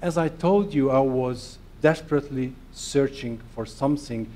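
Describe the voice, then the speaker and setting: This conference speaker is a middle-aged Hungarian man whose mid-range voice has a dark tone. His presentation is earnest and self-deprecating, delivered in a Hungarian accent with halting non-native phrasing.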